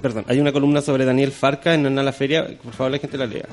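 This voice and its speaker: A Chilean man co-hosting a radio show, chiming in quickly in casual chat. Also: mid-range voice, level tone, soft background music. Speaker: radio co-host.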